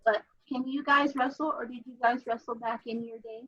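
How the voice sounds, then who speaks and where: A woman's voice: a little high, fairly even intonation, fairly quick, fairly bright tone. A woman playing in a tabletop game, bubbly and eager. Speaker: player. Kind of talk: casual tabletop play. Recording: dull lo-fi mic with faint hiss.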